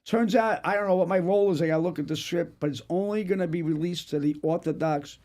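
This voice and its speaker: A middle-aged man with a strong Brooklyn accent and a high-pitched voice. He talks casually and jokingly, like a guest swapping stories, and often doubles back on his phrases. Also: quick pace. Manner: animated, joking, repeats himself. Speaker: guest, actor and magician. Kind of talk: casual chat.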